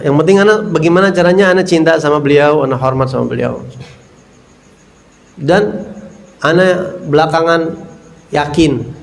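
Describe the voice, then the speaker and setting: A male religious teacher whose voice sits a little higher than most men's. He gives a religious talk built around personal stories, speaking casually and with feeling. He acts out the scenes he recalls. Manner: casual, heartfelt, acts out scenes and recites verses.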